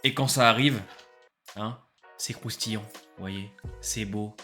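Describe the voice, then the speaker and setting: A man's voice: lowish voice, slow, bright, forceful tone, faint music behind. Chatty young man reviewing food. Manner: enthusiastic, many filler "euh"s. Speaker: food vlogger. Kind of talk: casual food review vlog.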